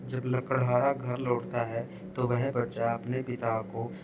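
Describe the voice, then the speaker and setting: A male narrator tells a cartoon story from a script. His pitch is average and his intonation stays flat. There is clear noise in the recording. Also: measured pace, highs cut off. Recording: noticeable background noise.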